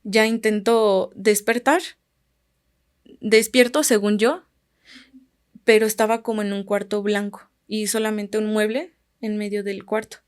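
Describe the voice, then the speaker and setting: A woman with a Mexican Spanish accent telling a story on a podcast. Her voice sits at a middle pitch and stays calm. Her phrases often sink to near a murmur as they finish. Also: a little slow, clean tone. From Guerrero, Mexico. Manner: calm, often trailing off quietly at phrase ends. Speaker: podcast guest. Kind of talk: casual storytelling.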